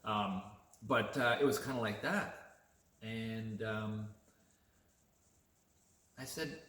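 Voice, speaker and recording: A man vlogging, telling a story in a chatty, animated way. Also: on the low side, slow, reverberant. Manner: chatty, animated retelling with laughs. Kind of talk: casual storytelling.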